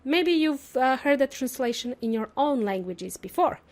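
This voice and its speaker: In a solo monologue for her English-teaching podcast, a woman whose mother tongue is Serbian sounds upbeat, playful and chatty, regularly putting questions to listeners. Her voice sits high and animated, with a darkish tone at a normal speed.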